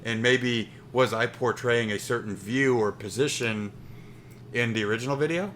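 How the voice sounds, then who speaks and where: A man's voice: medium pitch, normal speed, fairly bright tone, slight background noise. A man co-hosting a flight simulator review in casual chat, reflective and joking, often restarting his words. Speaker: flight sim video co-host.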